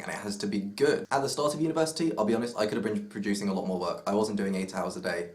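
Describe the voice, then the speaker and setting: Rambling young man vlogging. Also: fairly low pitch. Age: young adult. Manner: playful mock-serious tangents. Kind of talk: rambling casual vlog.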